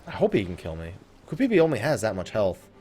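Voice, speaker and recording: With a lowish, slightly mellow voice whose pitch swoops wildly, a let's play host talks fast about the game he's playing. He's casual and sarcastic, swearing and griping, with faint music in the background.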